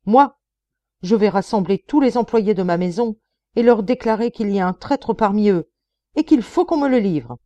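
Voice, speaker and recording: A woman's voice: medium pitch, very animated, normal speed, no echo, far from the mic, muffled recording, lightly acted. A woman voicing an irate old-school prison director. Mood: furious. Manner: loud, indignant outbursts. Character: irascible middle-aged male prison director.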